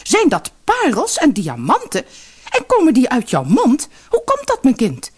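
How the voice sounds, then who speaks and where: A woman doing a shrill, greedy mother. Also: wildly swooping pitch, fairly quick. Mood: astonished. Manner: shrill, exclaiming, loud.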